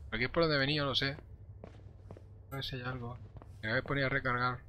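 A man's voice: mid-range voice, steady tone, quick pace, pushed and bright. A young man with a Castilian Spanish accent giving casual, jumpy horror game commentary, muttering to himself and swearing when startled. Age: young adult. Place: small room indoors. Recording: game ambience and noise behind voice. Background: horror game ambience.

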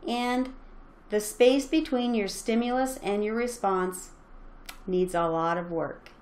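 A woman's voice: mid-range voice, steady tone, slow, a little mellow. A middle-aged woman giving an earnest, encouraging motivational talk as a parenting coach, speaking straight to her listeners.

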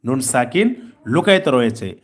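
A man teaching Quran reading, spelling out syllables slowly, repeating them and answering his own questions. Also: mid-range voice, expressive. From Bangladesh. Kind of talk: spelling-out recitation lesson.

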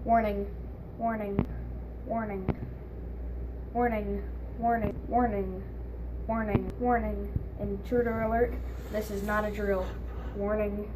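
A woman voicing a stern security alarm system that repeats its warnings in a flat monotone. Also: medium pitch, slow pace, pauses often, lightly acted, poor audio.

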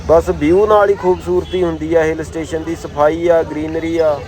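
Higher-voiced Indian Punjabi man, casual vlogger. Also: flat delivery, normal speed. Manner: colloquial, slangy, admiring exclamations. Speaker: travel vlogger. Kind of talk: casual travel vlog narration.

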